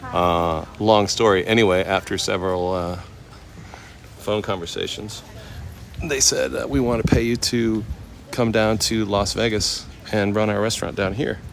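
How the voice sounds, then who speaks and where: A slightly slow, creaky, lowish voice with a steady tone belongs to an American chef and livestreamer in his forties from the West Coast. He strolls outdoors in a temple complex, relating stories to live viewers in laid-back, slangy talk, with vehicles passing amid noisy ambience.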